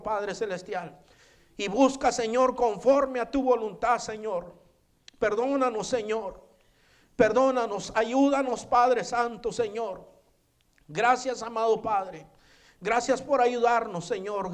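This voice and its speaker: A man preaching a sermon and leading a fervent closing prayer, calling out "hermano" and "Señor" as refrains. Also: extremely high pitch. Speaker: pastor. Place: church.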